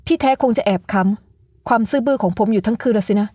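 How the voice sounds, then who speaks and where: A woman's voice: fairly high pitch, moderate pace, dark tone, dry recording, natural voice. A woman voicing a stern, hot-tempered young man. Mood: irritated. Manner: stern, irritated. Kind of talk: audiobook character voice.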